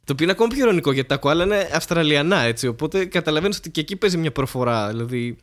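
Guy with a fairly high voice riffing on a podcast, mock-serious questions one after another. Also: animated. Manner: playful, piles up mock-serious rhetorical questions. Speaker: podcast co-host. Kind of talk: casual comedic chat.

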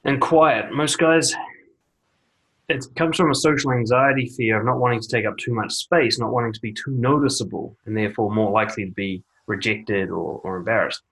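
A man with a mid-range, fairly even voice gives a direct-to-camera advice monologue about confident speaking, seated indoors. He's a YouTube dating and confidence coach, and the recording is rough. His delivery stays deliberate, sprinkled with quiet "okay" pauses and emphatic repetitions.

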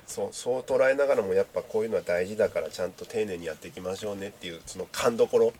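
Nasal, stuffed-up man with a lowish voice. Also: racing, a little mellow. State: has a cold. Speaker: host of a reading group. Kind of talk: casual discussion and reading aloud from a guidebook. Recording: faint background noise.

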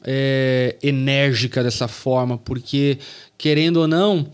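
A man discussing a serious topic in a deliberate way, pausing and restarting with fillers. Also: medium pitch, fairly even intonation, smooth.

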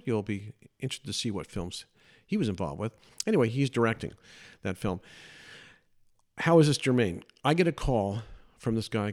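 Older man telling showbiz stories. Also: medium pitch. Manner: chatty, animated anecdotes with put-on quoted voices. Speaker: podcast host. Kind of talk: casual storytelling.

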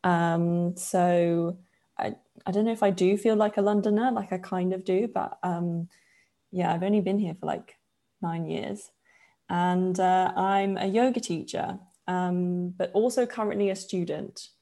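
A Polish woman in her twenties, a yoga teacher, appears as a guest on a podcast for a casual interview chat. Her low voice has a gravelly fry and a dark, mellow tone, and she talks at a measured pace. She's relaxed and chatty, laughs often, and uses lots of fillers.

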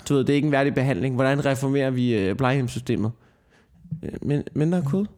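A man's voice: mid-range voice, a little mellow. A man co-hosting a podcast, ranting and swearing his way through a heated casual chat. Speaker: podcast co-host.

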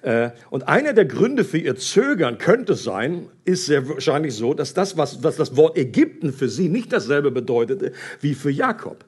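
A man reading a Bible story aloud and commenting on it in a conversational, animated way with hesitations. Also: on the high side, normal speed, hardly any pauses, slightly rough.

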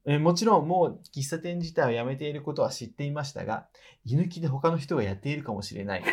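A man's voice: a little high, fast, a little mellow. A man co-hosts a casual podcast. He reads a listener's letter in an easy, playful voice and breaks off to tease and laugh. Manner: teasing, playful, laughs readily. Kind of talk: casual chat, reading a letter aloud.

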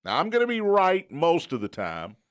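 A man's voice: a little high, huge pitch swings, normal speed, smooth. Male sports radio host, punchy announcer delivery. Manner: joking, self-deprecating. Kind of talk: sports talk radio with live sponsor reads. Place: radio studio.

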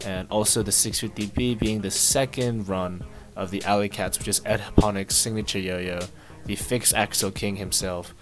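Man, lowish voice, podcast host, relaxed ad read, clear background music. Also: moderate pace. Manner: relaxed, hesitant with fillers. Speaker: podcast host reading a sponsor spot. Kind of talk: casual ad read.

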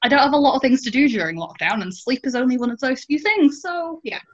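Co-hosting a podcast over a video call, a woman jokes about herself and laughs a lot in a high, animated, fast voice. It's a casual chat, and the call audio sounds dull and lo-fi.

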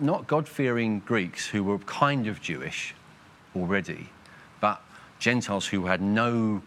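A low-pitched man talks earnestly in a church panel discussion over a faint background hiss. He gets animated and sometimes acts out quoted thoughts in his own voice.

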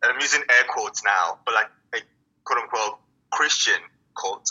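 Brief: male poet guest from Italy, bright raspy tone, reflective and halting, lo-fi call sound. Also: mid-range voice. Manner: reflective, halting, many restarts and fillers. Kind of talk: casual interview talk.

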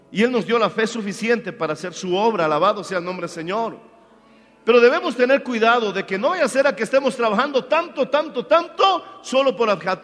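A man, swinging between loud fervent praise and soft, hushed asides. His sermon rings with a long church-hall reverb, and soft music plays beneath it. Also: high-pitched. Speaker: pastor.

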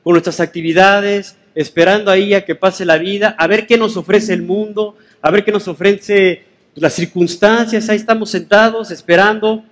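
A man's voice: sits high, fairly even intonation, moderate pace. A man preaching a sermon in a conversational way, asking listeners rhetorical questions.

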